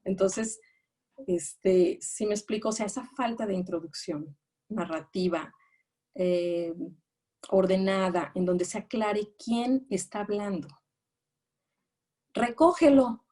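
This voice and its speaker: A woman's voice: mid-range voice, takes it slowly, mellow. A woman giving a psychology lecture, explaining patiently and often checking that her listeners follow. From Mexico. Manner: explanatory, checks understanding with rhetorical questions; reads out quoted phrases in raised, acted tones. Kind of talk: lecture on attachment narratives.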